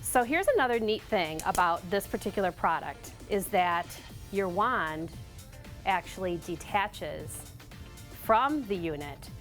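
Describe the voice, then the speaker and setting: A woman's voice: fairly low pitch, animated, measured pace, a bit bright, faint music behind. A woman presenting as a lifestyle show host, in conversational sales patter with frequent check-in tags. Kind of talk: presenting products to viewers.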